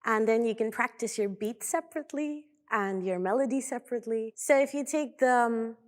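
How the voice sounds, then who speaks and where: A woman's voice: a little high, brisk, a little hiss or hum. Woman methodically explaining a beatbox technique. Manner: methodical, breaks things down step by step. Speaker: beatbox teacher. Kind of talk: instructional explanation.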